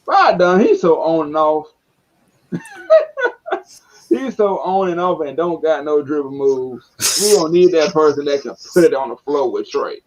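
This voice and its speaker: An excitable man with a Southern American accent talks sports in loose, slangy banter. His voice swings up and down, full of energy. The audio is a little dull and lo-fi. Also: fairly high pitch, measured pace, pauses often. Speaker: sports talk show host. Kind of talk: casual sports chat.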